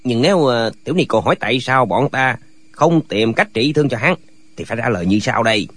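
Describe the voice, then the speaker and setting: Male actor voicing a pack of silly, bickering hermit brothers in a radio drama, husky and singsong. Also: medium pitch, lively intonation, brisk, fairly bright tone. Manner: bickering, argumentative back-and-forth. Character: six squabbling, foolish male martial hermits.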